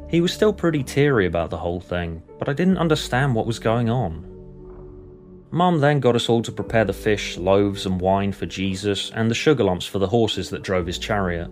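Deadpan man narrating. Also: fairly low pitch. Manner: deadpan, matter-of-fact storytelling. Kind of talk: scripted narration.

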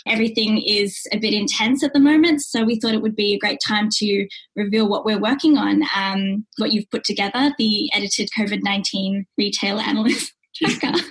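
A woman co-hosting a work chat about retail with an upbeat, chatty manner. Her voice sits in a middle pitch range. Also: fairly even intonation, moderate pace, rough recording. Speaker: market analyst co-hosting.

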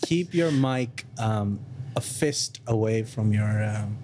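A man's voice: lowish voice, takes it slowly, darkish tone, a little hiss or hum. A man co-hosting a podcast in casual, joking chat, swearing freely into a studio mic. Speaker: podcast co-host.

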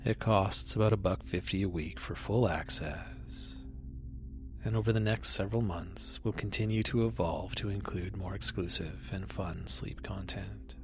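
A man narrating sleep stories in a soft, soothing, hushed manner that often trails into a near-whisper, close to the microphone. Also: steady tone, normal speed. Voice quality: soft, low, gravelly. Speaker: host and narrator of a sleep story podcast. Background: music.

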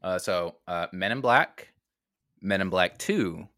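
A man's voice: low-pitched, animated, slow pace, fairly bright tone, no echo, studio quality. A man co-hosting a casual comedic podcast, joking around while he runs a quiz game for his guests. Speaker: podcast co-host and quizmaster.

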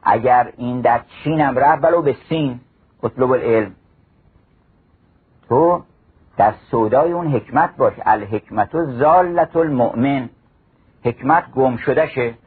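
Husky-voiced man reciting verse over radio. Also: mid-range voice, long pauses. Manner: recites verse in a chanting cadence. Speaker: lecturer on mystical wisdom. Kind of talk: storytelling talk with recited classical poetry. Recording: phone-like narrow radio recording.

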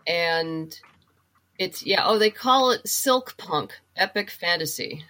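This interview guest, a woman who writes novels and comics, speaks slowly but with animation in a fairly low, sharp-toned voice. She explains her thoughts conversationally, musing aloud during an easygoing talk about books.

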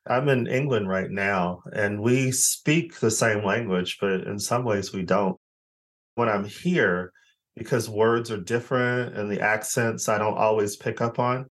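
A man's voice: lowish voice, measured pace, fairly bright tone. An American man with an American accent, conducting a casual, conversational interview. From United States.

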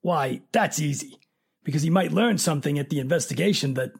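In a radio mystery drama, an actor voices a smug private detective who is also a cold killer, using a raspy, gravelly, coolly sardonic delivery. His pitch is medium and his pace a little fast, with a skeptical mood.

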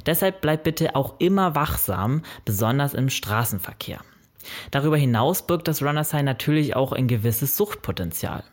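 A man talks straight to the viewer in a scripted explainer, laying out numbered tips in a friendly, informative manner. His voice has a slightly husky grain and sits at an ordinary middle pitch. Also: expressive, moderate pace. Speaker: running vlogger.

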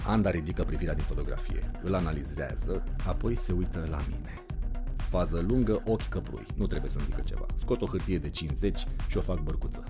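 A man's voice: low-pitched, over music. A man reading an audiobook in the first person, telling the story expressively. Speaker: narrator.

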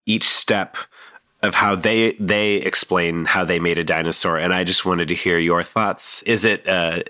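A man's voice: low voice, fairly even intonation, unhurried, sharp tone, no echo, clean studio sound. A man in his thirties hosting a casual podcast, rambling with plenty of fillers and restarts. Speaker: podcast host.

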